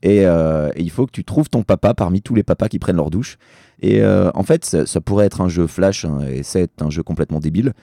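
Deep-voiced man, hoarse from yelling. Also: brisk, dry recording, studio quality. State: voice hoarse and worn from yelling at karaoke; tired. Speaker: talk show guest. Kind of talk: casual rambling chat.

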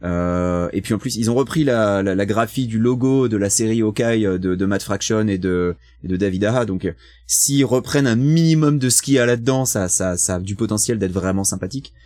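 A man's voice: fairly low pitch, mellow, no room sound, studio quality. A man co-hosting a casual film chat, an eager and talkative comics fan. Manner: enthusiastic fan, quick and talkative.

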